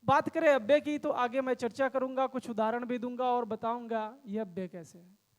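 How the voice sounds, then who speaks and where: A man's voice: extremely high pitch, steady tone, normal speed, long reverb tail. A man teaching grammar in a classroom lecture, explaining step by step and asking and answering his own questions.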